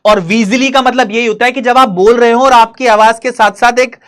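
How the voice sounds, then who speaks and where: A man teaching an English story to students, reading lines slowly and explaining them in Hinglish. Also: extremely high pitch, steady tone, a bit bright. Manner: addresses students directly, asking and answering his own questions.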